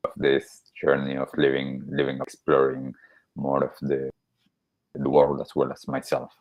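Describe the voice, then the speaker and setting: A man in his thirties, born in Argentina, talking casually as a podcast guest, halting with many restarts. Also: a bass voice, completely flat delivery, darkish tone, no echo. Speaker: podcast guest, wellbeing coach. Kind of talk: casual interview talk.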